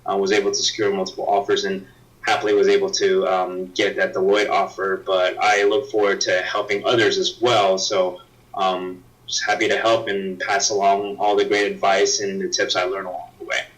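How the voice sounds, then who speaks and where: Halting low-voiced man, distant mic. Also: flat delivery, a bit bright. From United States. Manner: halting, many ums and uhs. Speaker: MBA student career mentor. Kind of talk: self-introduction.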